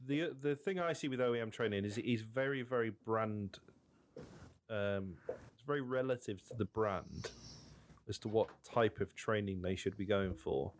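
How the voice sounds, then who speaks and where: A man co-hosting a podcast, talking casually with lots of restarts and thinking out loud. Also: lowish voice, moderate pace, slight background noise. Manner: talkative, thinks aloud with many restarts. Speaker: podcast co-host. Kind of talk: casual chat.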